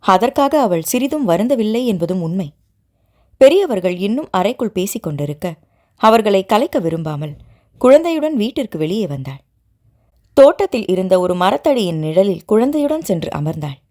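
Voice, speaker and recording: A woman narrating a family novel in a steady storytelling reading. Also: medium pitch, normal speed. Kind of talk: scripted narration.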